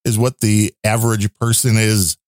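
A man's voice: on the low side, little pitch movement, moderate pace, a little mellow, no echo, studio quality. Chatty man reading out donor thanks. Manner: chatty, rambling, wry asides. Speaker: podcast co-host.

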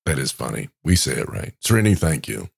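A man with an extremely deep, gravelly voice and a husky edge, co-hosting a podcast. He chimes in with short, dry remarks, and his pitch rises and falls in lively swings. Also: fairly quick. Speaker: podcast co-host. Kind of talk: casual chat.

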